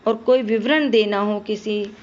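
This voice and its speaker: A woman's voice: medium pitch, steady tone, measured pace, muffled recording. Patient woman teaching a children's class. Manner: patient, addresses children directly, asks then answers. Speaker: primary school Hindi teacher. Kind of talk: classroom lesson explanation.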